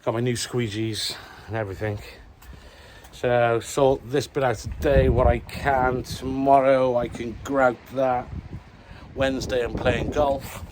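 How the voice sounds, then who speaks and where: A man's voice: medium pitch, steady tone, measured pace, noisy background. Chatty tradesman vlogging outdoors. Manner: chatty, jokey, talks to camera while working. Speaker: patio installer filming his work. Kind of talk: casual work vlog. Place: outdoor garden patio.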